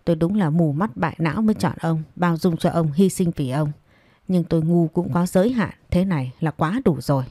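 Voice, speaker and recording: A wronged middle-aged wife speaks with bitter resolve, read by a woman narrator. Her voice is low and dark, and the recording is dry and close. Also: brisk, no room sound.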